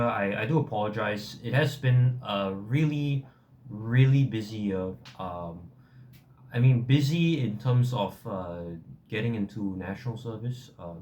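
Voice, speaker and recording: Young singaporean guy vlogging, lowish voice, rambly and unsure, puts himself down, some noise behind him. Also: darkish tone. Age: young adult. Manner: self-deprecating, hesitant rambling with backtracking. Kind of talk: casual chat to viewers.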